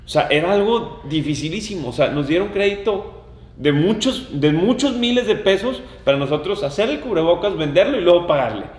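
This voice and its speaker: A man's voice: high voice, lively intonation, brisk. A man hosting a casual podcast, talking emphatically and repeating key words for stress. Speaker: podcast host. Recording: roomy echoing room.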